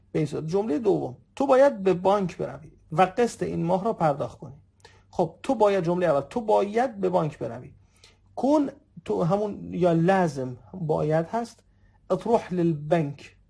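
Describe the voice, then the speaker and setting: A man in his thirties teaching a recorded language lesson, patiently repeating example phrases slowly and often addressing his listeners as friends. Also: sits high, expressive, creaky, dark tone, slightly rough. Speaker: Arabic dialect teacher.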